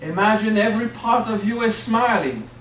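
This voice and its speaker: Here the spiritual teacher, a middle-aged man with a French accent, talks at a normal speed in a high-pitched, slightly bright voice over a faint hiss or hum. His workshop talk is playful, punctuated by frequent "okay?" check-ins, and the far camera captures the echo of the hotel meeting room.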